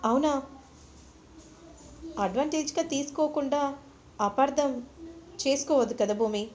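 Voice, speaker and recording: A woman's voice: high-pitched, a little hiss or hum, close to an everyday voice. A woman voicing a curt, defensive young man. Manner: brisk, insistent, mixes in English phrases.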